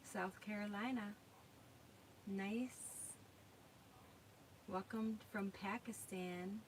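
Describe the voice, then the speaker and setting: Hosting a casual livestream, an American woman with a Minnesota accent reads viewer comments and voices her thoughts as she searches. She talks extremely slowly in a medium-pitched, steady tone, on a low-quality recording with faint background noise.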